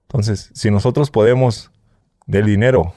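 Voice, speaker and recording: A man's voice: lowish voice, fairly even intonation, moderate pace, dark tone, no echo, studio quality. A Mexican man, an interview guest, tells his stories candidly in a casual chat and keeps checking with the listener. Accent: Mexican Spanish. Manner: candid storytelling, often asks "¿sí?" and "¿no?". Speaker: interview guest, former smuggler.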